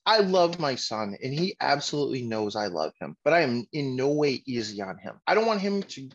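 A man's voice: medium pitch, very animated, brisk. Blunt, profane middle-aged man, muffled. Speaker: podcast co-host. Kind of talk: casual chat. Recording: muffled lo-fi audio.

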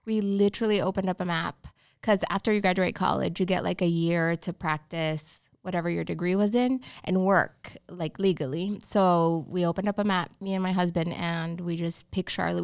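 Gravelly-voiced woman from Honduras, chatty. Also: lowish voice, no room sound, clean studio sound. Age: 30s. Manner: chatty, storytelling, upbeat. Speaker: bakery owner, guest. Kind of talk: casual interview chat.

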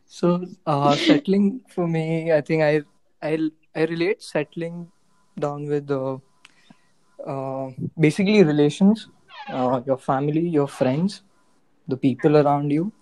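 A man's voice: a little high, unhurried, a little mellow, rough recording. A man with an Indian accent, talking casually and reflectively as a podcast guest, hesitantly searching for words. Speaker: podcast guest, cafe co-founder.

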